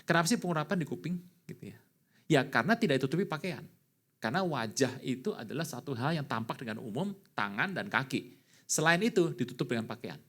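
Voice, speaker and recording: A middle-aged man, a pastor, preaching a sermon in an animated way, with sudden loud bursts. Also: mid-range voice, fast talker.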